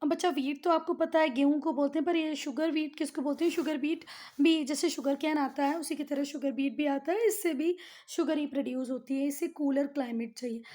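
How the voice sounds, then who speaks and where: A woman's voice: high-pitched, a little fast, darkish tone. A woman teaching a school class, patiently explaining and repeating key terms, mixing English textbook phrases into her Hindi and often calling on the students.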